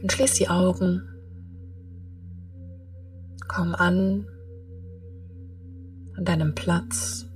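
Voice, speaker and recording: A woman guiding a meditation in a soft, breathy, half-whispered soothing voice, speaking in slow, spaced-out calm instructions. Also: on the low side, far from the mic, a little hiss or hum. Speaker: podcast host and meditation guide. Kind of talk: guided meditation.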